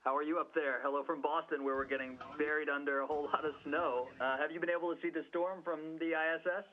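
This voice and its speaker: A man's voice: a little high, fairly even intonation, quick pace. A man working as a reporter, asking chatty, courteous interview questions over a phone-like line. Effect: phone or radio line.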